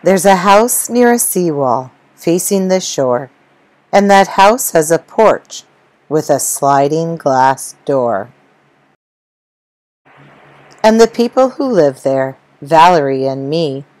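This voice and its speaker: A woman reading a rhyming children's story aloud in a gentle, rhythmic storytelling manner. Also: deep voice, animated, slow pace, no room sound, rough recording.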